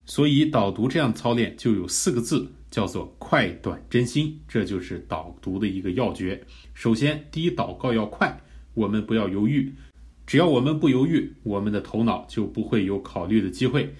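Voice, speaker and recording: A male preacher delivers a teaching sermon in an earnest, measured way. His voice sits on the low side. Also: animated, a little mellow. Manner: earnest, measured, rising in fervor during prayed examples. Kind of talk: teaching sermon on pray-reading scripture.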